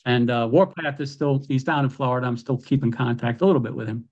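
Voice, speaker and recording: An animated man recounts wrestling tales as a podcast guest. He tells it casually, in a middle-pitched voice, and leaps into quoted lines with a raised voice. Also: quick pace, highs cut off. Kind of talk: casual storytelling.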